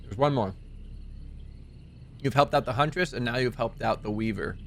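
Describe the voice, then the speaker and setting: A man's voice: medium pitch, moderate pace, creaky, slight background noise. A man working as game master, casually narrating a tabletop fantasy game.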